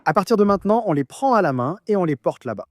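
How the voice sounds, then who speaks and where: A man's voice: sits high, sing-song, quick pace, a little hiss or hum. A man bantering casually with friends, often repeating short commands insistently.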